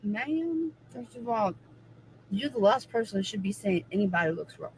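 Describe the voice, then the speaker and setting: A woman's voice: mid-range voice, very animated, normal speed, a little mellow, slight background noise, poor audio. A woman in her forties chatting casually on a livestream, emphatic and repeating her points for effect. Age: 40s. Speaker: co-host of a livestream.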